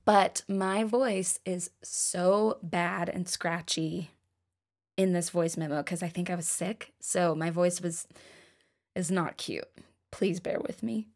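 A woman's voice: on the low side, fairly even intonation, slow pace. A young woman singer-songwriter talking casually about writing her songs, chatty and self-deprecating.

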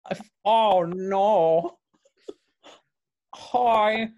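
A man's voice: high voice, drawn-out words, a little mellow, lo-fi sound, voice pushed up. A man voicing a bubbly young internet influencer who gushes to followers in a sing-song accent with added R sounds. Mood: gushing. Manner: bubbly, gushing, rambling with ums.

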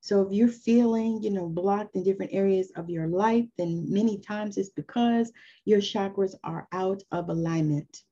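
A woman's voice: medium pitch, moderate pace, mellow, highs cut off, slight background noise. A woman in her fifties giving an earnest, encouraging spoken lesson on spiritual growth in a loose, conversational way. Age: 50s. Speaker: spiritual teacher.

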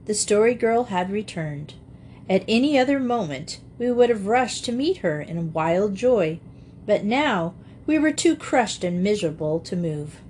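A woman narrating a classic children's novel with steady, expressive reading. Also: medium pitch, unhurried, slight background noise. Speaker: audiobook narrator. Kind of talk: storybook narration.

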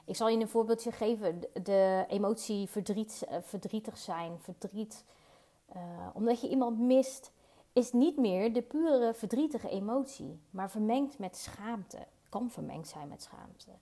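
Speaking into a podcast mic, this host has a warm, medium-pitched voice and talks a little slowly. She reflects on her feelings in a solo episode, earnest and personal, often using fillers and repeating words.

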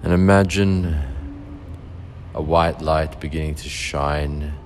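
A man leading a guided relaxation meditation, giving calm, soothing instructions with long pauses. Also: rumbling low, slight background noise.

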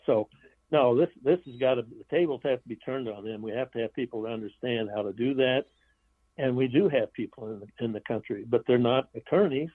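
A man's voice: mid-range voice, a little fast, dry recording. A man talking as an author and interview guest, rambling with restarts and blunt opinions. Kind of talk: casual interview talk. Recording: tinny phone line.

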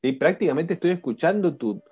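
A man's voice: on the high side, a little fast, husky, soft background music. A man with an Argentine accent teaching a live online coaching class, often asking the group questions. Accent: Argentine Spanish. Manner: lively, questioning the class, frequent "¿no?" and "¿sí?". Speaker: coaching instructor. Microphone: video call.

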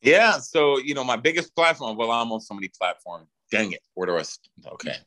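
A man's voice: medium pitch, a little fast, sharp tone. A middle-aged man talking as a podcast guest in casual chat, rambling with lots of fillers and restarts. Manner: rambling, drawling talk with frequent fillers and restarts.

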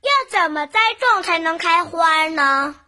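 A bright, pouty little boy, as performed. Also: very high voice, animated, a little slow, exaggerated voice. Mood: curious.

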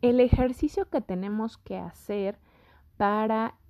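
A woman's voice: fairly high pitch, dark tone, faint music behind. A woman teacher giving a grammar lesson, patient and speaking straight to her students. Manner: slow, patient, addresses students directly. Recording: dull lo-fi audio.

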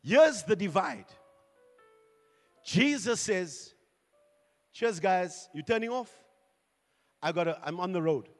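A pastor preaches with mounting fervor, stretching out key lines slowly. His voice sits high for a man. The sound rings with a long reverb, with soft music underneath. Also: expressive. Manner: preaching with rising fervor and slow emphatic points. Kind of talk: sermon.

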